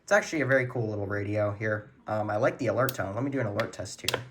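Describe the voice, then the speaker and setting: A background hum of noise accompanies a man's fast, lowish voice. He is showing viewers his weather radios in a casual home video, speaking informally with a hobbyist's earnestness.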